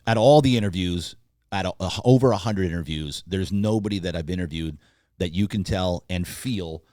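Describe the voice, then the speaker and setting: A man's voice: low voice, moderate pace, a little mellow, dry recording. A man hosting a casual studio talk, emphatic and repeating himself as he tells stories. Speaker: podcast host. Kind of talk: casual chat.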